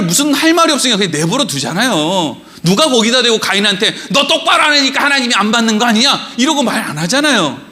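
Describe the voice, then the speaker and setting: Inside a church sanctuary, a middle-aged male pastor delivers a lively, conversational sermon in a very high-pitched voice. He fills it with rhetorical questions and acts out the quotes.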